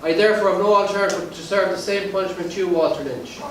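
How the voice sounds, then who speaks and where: A man's voice: high voice, fast, lightly acted. Stage play magistrate male actor: commanding, formal, solemn father figure, recorded far from the mic in a very echoey hall. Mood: solemn, unyielding. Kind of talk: historical stage play acting. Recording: echoey hall, distant mic, faint noise.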